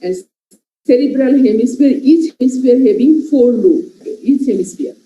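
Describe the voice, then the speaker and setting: Female medical lecturer with a Bangladeshi accent; slow, deliberate list-style delivery, muffled echoey classroom sound. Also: high-pitched, animated, mellow. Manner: explains by listing terms and checking in with "right?". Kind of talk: classroom lecture mixing Bengali and English.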